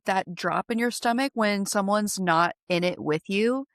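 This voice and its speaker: A woman hosting an interview, talking warmly and openly about her own feelings in a casual chat. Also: medium pitch, a little slow, no room sound, clean studio sound. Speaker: podcast host.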